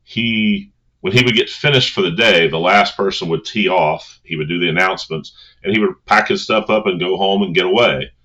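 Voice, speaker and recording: A man's voice: deep voice, normal speed, bright, forceful tone. A man speaking as a coach, giving an informal motivational talk in an earnest, conversational manner on a dull recording.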